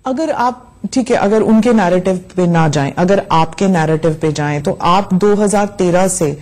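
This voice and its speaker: A woman interviewer asking long, winding questions, often pausing with hesitations. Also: lowish voice, darkish tone, poor audio.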